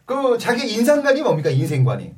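High-voiced teasing male host. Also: huge pitch swings, a little mellow, husky. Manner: brisk, teasing introductions with frequent acknowledgments. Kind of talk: talk show hosting. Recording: noisy, mic at a distance.

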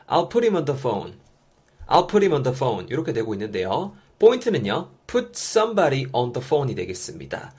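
A man teaching English phrases in an energetic spoken lesson, repeating example lines for learners to copy. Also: medium pitch, husky.

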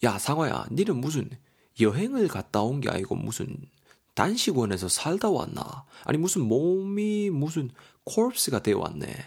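A man's voice: on the high side, very animated, moderate pace, vocal fry, a little mellow, husky, voice pushed up, full character voice. A man voicing a young man with a Gyeongsang accent who bluntly teases his friend. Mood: teasing. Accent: Gyeongsang Korean. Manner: teasing, blunt.

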